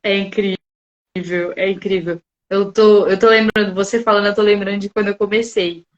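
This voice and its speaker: A woman's voice: medium pitch, normal speed, muffled recording. Chatty Brazilian woman hosting a podcast. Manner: expressive and chatty, laughing often. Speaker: podcast host. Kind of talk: casual podcast interview.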